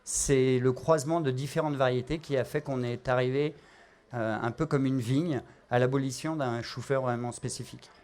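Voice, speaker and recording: A man's voice: mid-range voice, steady tone, moderate pace, darkish tone. A middle-aged man with a Parisian French accent, a chef explaining a cooking demonstration, with frequent fillers and restarts. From France.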